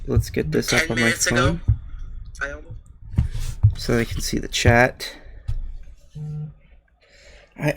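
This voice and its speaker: A young man streaming a live reaction from his bedroom, excited and rambling with lots of fillers. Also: medium pitch, gravelly.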